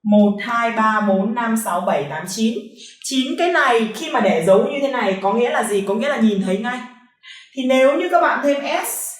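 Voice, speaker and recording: A woman with a fairly high voice explains pronunciation rules like a classroom teacher. She repeats each sound slowly and checks in with her students. Her voice rings through a very echoey room, picked up from some way off. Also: distant mic.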